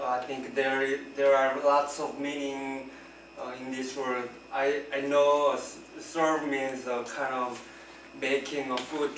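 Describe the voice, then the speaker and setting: The recording, distant and roomy amid classroom noise, features a nervous young man with a Korean accent hesitating as he presents vocabulary to his class. His voice is medium-pitched and fairly bright.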